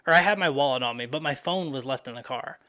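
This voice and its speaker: A man's voice: medium pitch, quick pace, bright, forceful tone. A young man hosting a podcast, telling a story in a loose, profane, casual way full of fillers. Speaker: podcast host.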